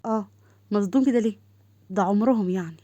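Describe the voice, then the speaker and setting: A woman voicing a serious, earnest young woman officer who speaks softly and quickly. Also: medium pitch, no echo, lightly acted. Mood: guarded. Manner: earnest, soft-spoken.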